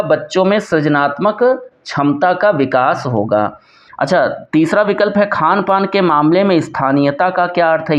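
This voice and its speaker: A male teacher giving an exam prep lecture, explaining step by step, reading out each question and asking and answering himself. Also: fairly high pitch. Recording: dull lo-fi recording.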